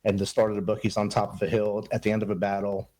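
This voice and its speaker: A man's voice: lowish voice, flat delivery, fast, darkish tone, a little hiss or hum. A middle-aged man, a podcast guest, speaking in an earnest, upbeat and motivational way in a casual interview. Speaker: podcast guest, Army veteran and mentor.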